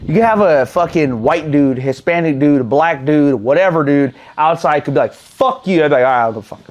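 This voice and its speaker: A man's voice: fairly high pitch, brisk, dull audio. A man co-hosting a casual chat, telling stories bluntly and with plenty of swearing. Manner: blunt, profane, animated storyteller. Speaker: podcast co-host.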